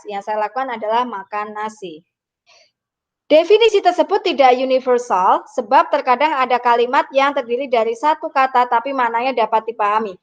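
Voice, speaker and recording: High-voiced woman teaching a lesson. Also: muffled recording. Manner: explains patiently, acts out example sentences. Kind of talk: online lesson.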